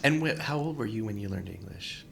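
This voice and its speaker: A man hosting a podcast, introducing a guest in measured narration and then interviewing her with brief murmured acknowledgments. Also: lowish voice, lively intonation, creaky, a bit bright, slight background noise. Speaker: podcast host.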